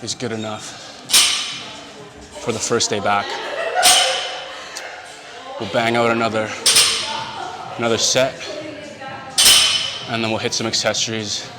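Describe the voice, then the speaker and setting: Loud gym music plays behind a fitness vlogger who is recovering from surgery. Indoors at the gym, out of breath between sets, he talks to himself about his lifts in a relaxed, casual vlog commentary, his fairly low voice a little slow and pausing often.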